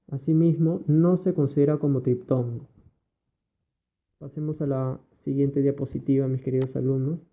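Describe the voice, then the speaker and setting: Peruvian man teaching a primary class online, patient and step by step, fairly high voice, tinny phone-like sound. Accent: Peruvian Spanish. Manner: patient, explains step by step, constant "¿ya?" checks. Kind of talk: recorded online lesson over slides.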